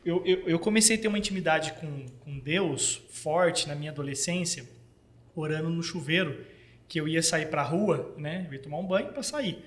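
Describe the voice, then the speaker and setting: Male podcast host, pitched high, earnest and rambling, interrupts himself. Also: moderate pace. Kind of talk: casual faith podcast chat.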